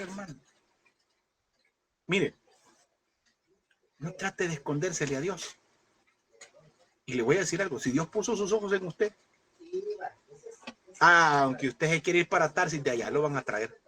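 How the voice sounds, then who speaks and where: A man's voice: a little high, animated, moderate pace, long pauses. A man, a pastor preaching a lesson, telling a personal story and fervently calling his listeners brother.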